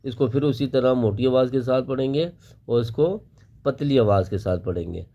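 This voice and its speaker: A man's voice: medium pitch, mellow. A man teaching Quran letter pronunciation, explaining each sound and then drilling it syllable by syllable. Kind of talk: slow step-by-step recitation lesson.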